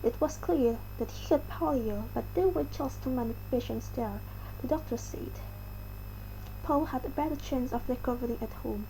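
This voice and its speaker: A woman's voice: high-pitched, normal speed, vocal fry, warm tone, a little hiss or hum, poor audio. A woman with an Indonesian accent reads an article aloud, carefully and with the odd stumble over words. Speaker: reader.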